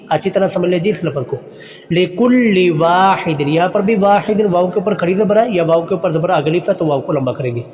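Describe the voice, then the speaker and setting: A man with a Pakistani Urdu accent teaching Quranic pronunciation, slowly drawing out each word and then explaining the rules in plain, polite terms. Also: high-pitched, a little mellow, in a large hall. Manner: uses polite filler "ji" often. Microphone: phone voice recording for a messaging class.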